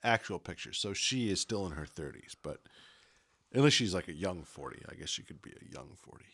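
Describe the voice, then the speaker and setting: Animated man in his forties, dry close sound. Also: deep voice, fairly quick, slightly rough, no echo. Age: 40s. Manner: chatty, animated, self-deprecating. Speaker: podcast co-host. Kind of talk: casual chat.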